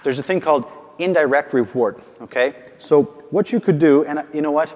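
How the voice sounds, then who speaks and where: A man's voice: fairly high pitch, brisk, a little mellow. Man teaching dog training, reverberant room. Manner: casual, keeps asking "okay?" and "right?"; firm short commands to the dog. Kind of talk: instructional demonstration.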